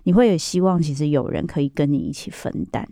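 A woman's voice: sits low, expressive, fast talker, creaky, dark tone, no echo, studio quality. A woman hosting an interview talk show, listening attentively and asking reflective questions. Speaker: host.

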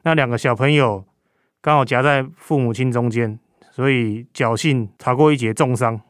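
Taiwanese reporter guy telling a case thru a face mask, medium pitch, very dry close sound. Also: normal speed, no room sound. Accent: Taiwanese Mandarin. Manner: speaking through a face mask. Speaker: crime reporter as podcast guest. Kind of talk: conversational recounting of a news case.

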